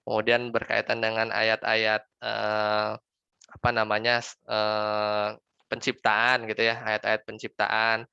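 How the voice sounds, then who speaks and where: A man gives a religious lesson in a crisp, gravelly voice, pausing often on fillers and slowing to recite verses. The sound is dry and a little dull. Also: fairly low pitch, completely flat delivery, sharp tone, no room sound. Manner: hesitant, many fillers, slows to recite Arabic verses. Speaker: Islamic teacher. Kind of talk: religious lesson on Quran reading. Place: online study session.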